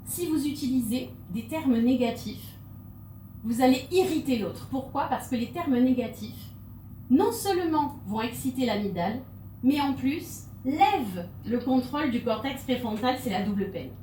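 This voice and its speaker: A woman's voice: high voice, animated, moderate pace, dark tone, a little hiss or hum. Playful woman speaking in an echoey hall. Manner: playful, theatrical, laughing asides. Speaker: conference speaker. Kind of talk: humorous stage talk. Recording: echoey hall, mic from far off.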